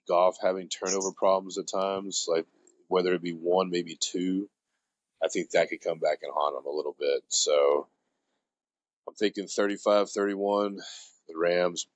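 A man with a low, deep voice co-hosting a casual sports podcast. He talks haltingly, restarting his thoughts as he makes his picks, and he sounds dry and close to the mic. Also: no room sound. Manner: hesitant, repeats himself, sarcastic asides. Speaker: podcast co-host.

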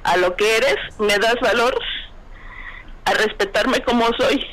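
A woman's voice: a little high, a little slow, a bit bright. A woman from Xalapa calling into a live show, gushing and swearing playfully. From Xalapa, Mexico. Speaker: caller. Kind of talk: phone call-in chat. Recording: noisy phone call.

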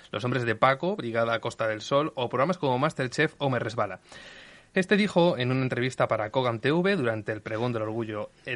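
A man's voice: medium pitch, fairly bright tone, dry recording. Upbeat male co-host, dry sound. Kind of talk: scripted podcast narration.

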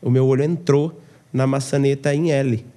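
A man with a Brazilian accent, a podcast guest telling a personal story in casual chat, lively and full of slang. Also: medium pitch, normal speed.

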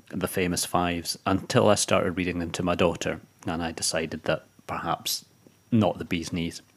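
Wry Scottish man on the radio. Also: deep voice. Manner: wry, joking. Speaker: radio co-host. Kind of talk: casual radio chat.

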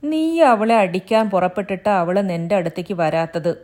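A woman voicing a kindly, firm old grandmother who gently scolds in a storybook reading. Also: on the low side, moderate pace, lightly acted. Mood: admonishing. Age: older.

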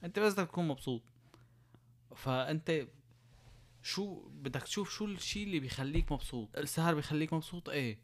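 Fast-talking young Syrian man, casual. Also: fairly high pitch. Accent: Syrian Arabic. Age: young adult. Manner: explains with everyday examples and rhetorical questions. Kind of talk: casual chat.

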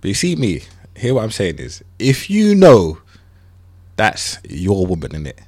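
A man's voice: lowish voice, wildly swooping pitch, unhurried, a little mellow, no room sound. A man in his thirties with a London roadman accent, chatting playfully in slang as a podcast co-host. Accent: London, urban roadman slang style. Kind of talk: casual banter chat.

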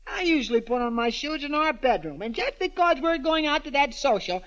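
An actor playing a bumbling, absent-minded husband, in 1940s radio acting, with a high, excitable, whiny voice. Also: male voice, fairly quick. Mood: flustered. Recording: dull old radio broadcast.

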